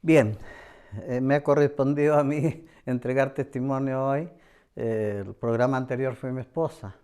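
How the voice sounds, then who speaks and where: A middle-aged Chilean man giving an earnest personal religious testimony, repeating phrases and pausing often with hesitant fillers. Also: mid-range voice, fairly even intonation, dark tone, clean tone. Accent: Chilean Spanish. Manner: earnest, repetitive, pauses often with "eh". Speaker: church member giving testimony.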